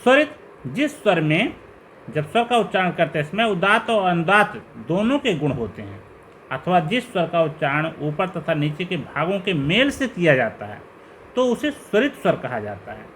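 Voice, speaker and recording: A male teacher gives a slow, step-by-step lecture on grammar, going through terms one after another. His voice sits high and moves a lot, rising on each question. A faint hiss runs behind him. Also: sing-song, a bit bright. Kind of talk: classroom lecture explaining grammar.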